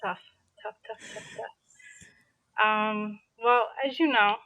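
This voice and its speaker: A young adult woman from New York City, guesting on a podcast, chats casually in an interview with many "like" fillers and restarts. Her medium-pitched voice is sharp and steady and her pace slow, captured in a rough recording without echo.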